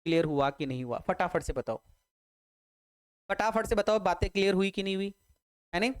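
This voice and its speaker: A man's voice: high-pitched, lively intonation, moderate pace, clear, resonant tone. A man teaching English vocabulary online for exam prep, repeating words and spelling them out letter by letter, with jokey memory tricks and calls to his students. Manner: repetitive, drills spellings letter by letter.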